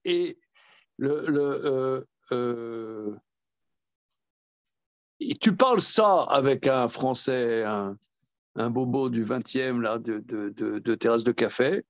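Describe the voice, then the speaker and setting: A man's voice: medium pitch, slow, no room sound, highs cut off. A man teaching an informal Torah class, repeating himself and acting out everyday examples. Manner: animated, repetitive, with many restarts and role-played examples.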